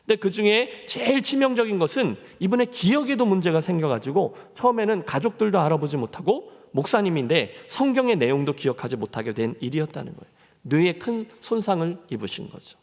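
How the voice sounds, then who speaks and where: A man's voice: high voice, sing-song, a little fast. A man preaching a sermon as pastor, telling a story earnestly and speaking straight to the congregation. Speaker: senior pastor. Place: church sanctuary. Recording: long reverb of a church hall.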